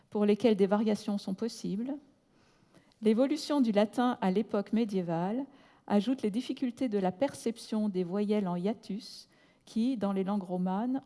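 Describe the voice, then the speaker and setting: A woman delivers a prepared academic lecture in a large hall, her mellow, darker voice carrying a long reverb tail. She reads in a measured, deliberate way and slows right down to spell out technical terms. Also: medium pitch. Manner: breaks off with brief asides in English. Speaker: conference speaker.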